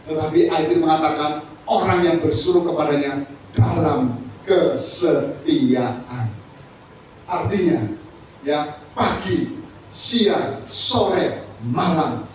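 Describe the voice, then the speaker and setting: A man's voice: a little high, a little mellow, a little hiss or hum. A man preaching a sermon as pastor, emphatic and calling out to the congregation. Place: church hall. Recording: echoey church hall, distant mic.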